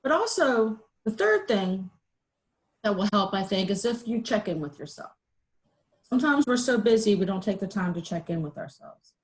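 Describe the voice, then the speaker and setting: Over a video call, a middle-aged woman presents a webinar in a relaxed, talkative way, full of animation and self-deprecating humor. She speaks at a medium pitch and normal speed.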